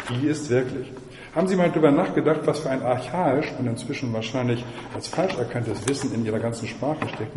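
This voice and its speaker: A man's voice: mid-range voice, a little mellow. A man giving a university mathematics lecture, digressive and firing rhetorical questions at the audience. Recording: echoey lecture hall, faint noise.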